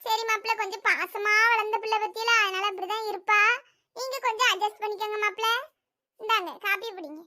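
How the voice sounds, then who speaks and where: A woman's voice: extremely high pitch, fairly even intonation, fast talker, sharp tone. A woman voicing a chatty, fussing older mother-in-law in a cartoon, with a Thoothukudi Tamil accent, heard a bit away from the mic. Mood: fussy.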